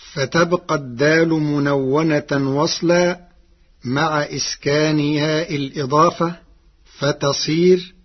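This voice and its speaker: A man gives a measured, explanatory lecture on Quran readings. He speaks slowly and deliberately, a little above the usual male pitch. The sound is a dull, lo-fi old radio broadcast. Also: breathy edge.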